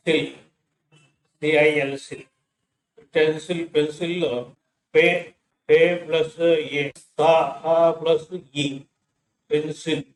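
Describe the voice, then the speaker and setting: A man's voice: on the high side, darkish tone. A man teaching English pronunciation, splitting each word into its sounds and repeating them one by one. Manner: slow, breaks words into sounds and repeats them. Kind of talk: syllable-by-syllable pronunciation lesson. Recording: echoey room.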